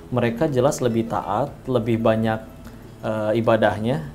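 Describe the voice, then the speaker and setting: A male host in a conversational talk about faith, often answering with short affirmations and explaining points calmly. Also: fairly low pitch, unhurried.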